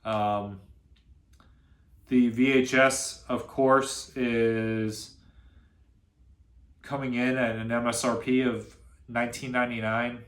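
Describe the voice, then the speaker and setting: A man's voice: medium pitch, flat delivery, takes it slowly, pauses often, fairly bright tone. Nasal-voiced young man in an echoey room. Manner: rambling with many fillers and restarts. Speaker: gun reviewer, channel host. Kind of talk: casual unscripted video review. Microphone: camera on a stand.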